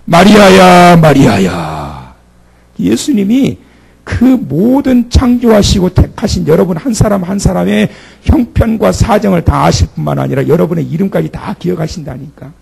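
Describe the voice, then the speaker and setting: Gravelly-voiced man preaching a sermon. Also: sits high, normal speed, dark tone. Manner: dramatic, acts out the speakers in the story. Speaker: pastor.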